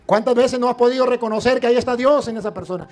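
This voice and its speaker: A priest with a Venezuelan accent preaching a sermon, telling a story with acted-out voices and pressing questions on the congregation. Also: male voice, very high-pitched, rapid-fire, a little mellow. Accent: Venezuelan Spanish.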